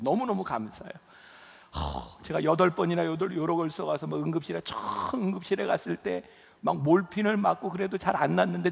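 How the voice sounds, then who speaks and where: A man's voice: high voice, vocal fry, slightly rough. A middle-aged man preaching a sermon as pastor, telling stories and rising to emphatic pleas. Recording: long reverb of a church hall.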